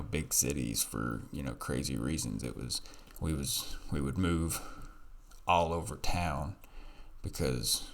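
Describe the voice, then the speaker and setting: A man's voice: rumbling low, creaky. A man talking to his audience in a candid, meandering late-night monologue at home, swearing casually. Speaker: vlogger.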